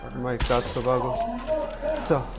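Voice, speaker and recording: A man speaks in Neapolitan street style, full of exclamations and swearing. It is casual gamer chat, recorded with clear noise and clicks behind the voice. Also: medium pitch, fairly even intonation, unhurried. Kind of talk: casual gaming chat with friends.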